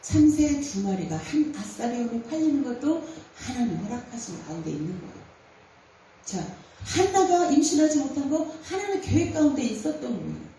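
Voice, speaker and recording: High-voiced woman pastor preaching in an echoey hall. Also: mellow, slight background noise. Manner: emphatic preaching with rhetorical questions and sudden rises in pitch. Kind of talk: Sunday sermon. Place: church sanctuary. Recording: echoey church hall picked up from a distance.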